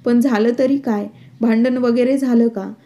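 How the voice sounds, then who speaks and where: Woman reading as a gentle, calm father. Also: a little high, a little slow. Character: gentle middle-aged father, calm and conciliatory.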